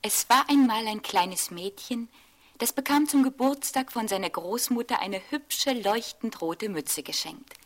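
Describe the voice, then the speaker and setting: A woman reading a fairy tale aloud in a gentle, often whispered storytelling manner. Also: medium pitch.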